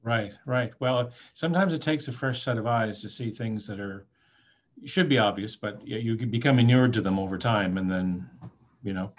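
A man's voice: on the low side, normal speed. A man hosting a podcast interview, asking casual questions with some restarts. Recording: dull lo-fi sound with faint noise.

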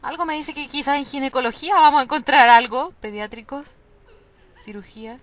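A woman's voice: high-pitched, a little fast, a bit bright, no echo. A woman giving chatty, nervous commentary while playing a game and talking to viewers. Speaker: let's play gamer.

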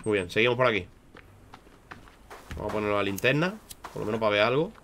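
A man giving casual, swear-heavy live commentary on a game, breaking into loud high shouts when startled. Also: lively intonation, fast talker, slight background noise. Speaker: streamer.

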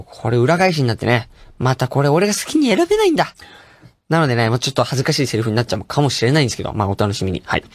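Playful chatty male radio host. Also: mid-range voice. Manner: playful, chatty, laughs often. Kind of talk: casual radio talk reading listener mail.

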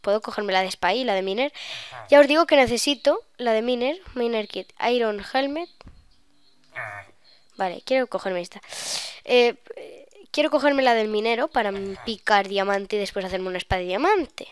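Smooth-voiced young woman gamer. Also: on the high side, normal speed. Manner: chatty, excitable, bursts of shrieks. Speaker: gaming YouTuber. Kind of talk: live gameplay commentary.

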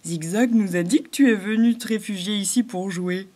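A woman's voice: medium pitch, moderate pace, darkish tone, natural voice. A woman voicing a friendly, matter-of-fact male beaver in a fairy-tale audiobook. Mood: curious.

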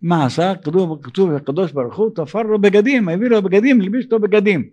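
An older man, a rabbi giving an evening sermon, who pauses often and acts out dialogue in an animated, raised voice. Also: high-pitched, lo-fi sound. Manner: halting, with frequent hesitations.

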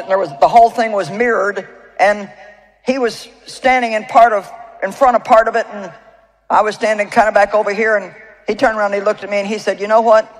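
A woman's voice: medium pitch, low-quality recording. A woman preacher giving a sermon to a live audience, emphatic and storytelling, often asking the crowd rhetorical questions. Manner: storytelling with personal anecdotes.

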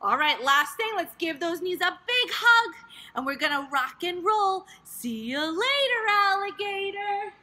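A woman in her thirties leads a playful children's gymnastics lesson with animated, exaggerated, encouraging sing-song delivery, recorded in a large gym by a camera a few metres away. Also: extremely high pitch, unhurried. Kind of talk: playful guided exercise lesson for young children. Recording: faint room noise, camera across gym.

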